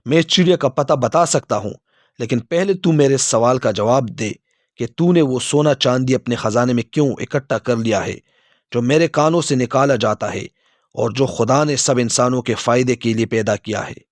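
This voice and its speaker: A talking mountain speaks slowly and solemnly, setting terms for a king, as a male storyteller reads it. The voice sits at a middle pitch and the recording is dry and close. It is a spoken storybook tale. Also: dry recording, close to an everyday voice.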